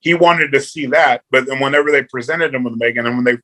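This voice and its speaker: A man's voice: medium pitch, fast, sharp tone, low-quality recording. A man, a guest on a movie review podcast, talking casually and rambling, repeating words and saying "you know" a lot.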